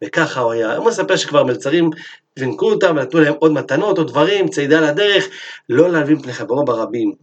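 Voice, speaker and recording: A man teaching a Torah lesson, telling a story in a lively sermon style and acting out its characters. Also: a little high, muffled recording.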